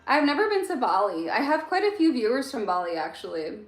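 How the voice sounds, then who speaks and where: Young woman hosting a late night stream, chatty n relaxed, echoey room, soft music behind. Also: a little high, a little fast. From Egypt. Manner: relaxed, chatty, answers chat questions with many fillers. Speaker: livestream host. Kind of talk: casual late-night chat with viewers. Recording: roomy echo with faint music.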